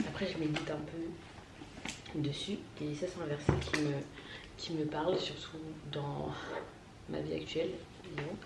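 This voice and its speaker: A woman's voice: low voice, creaky. Young woman vlogging casually, noisy background. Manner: informal, filler-heavy, self-interrupting. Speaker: lifestyle vlogger. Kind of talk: casual vlog chat.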